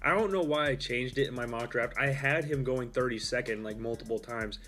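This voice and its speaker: A man's voice: medium pitch, fairly quick, a bit bright, soft background music. A young man hosting a casual solo sports talk show, rambling and correcting himself as he goes. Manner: rambling, with fillers and self-corrections. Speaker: host.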